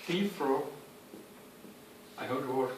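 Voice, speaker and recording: A man giving an earnest, instructive speech on public speaking to an audience, with halting phrasing. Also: mid-range voice, animated, distant mic, slight background noise. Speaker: speech giver. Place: room with an audience. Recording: echoey room, picked up from afar.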